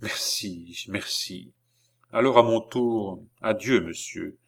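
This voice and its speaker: A man's voice: on the low side, takes it slowly, creaky, full character voice. A man playing a grieving, hot-tempered young nobleman, speaking with agitated sorrow. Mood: bitter.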